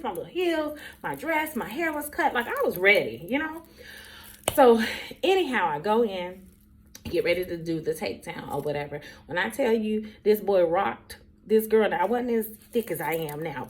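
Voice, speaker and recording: A woman in her forties, a teacher, telling a story in an animated, chatty way and talking straight to her viewers. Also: mid-range voice. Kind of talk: casual storytelling vlog.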